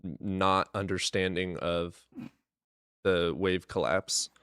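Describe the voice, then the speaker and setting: Low-voiced, blunt man, close and dry. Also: level tone, takes it slowly, fairly bright tone, clear, resonant tone, no room sound. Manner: blunt, teasing, sweary. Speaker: panelist on a live debate stream. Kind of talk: casual banter. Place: online voice call.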